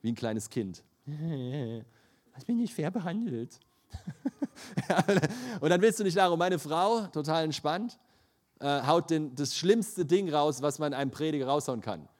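A middle-aged male preacher with a slightly raised pitch delivers a lively sermon. He tells personal stories and acts out what people said. He laughs often as he preaches. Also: unhurried. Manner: animated storytelling, laughs often, acts out quotes.

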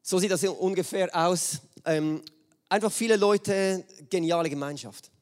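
Lively man preaching. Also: high-pitched, unhurried. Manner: lively storytelling, acts out quoted voices. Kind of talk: sermon with Bible reading. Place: church hall with screen.

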